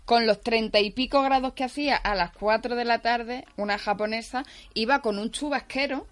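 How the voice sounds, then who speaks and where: A woman in her thirties with a somewhat high voice tells anecdotes in a chatty, animated way. She speaks from a radio studio, with faint music underneath. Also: moderate pace. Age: 30s. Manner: chatty, animated anecdote-telling with quoted dialogue. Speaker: section contributor on a radio show. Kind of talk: casual radio chat and storytelling.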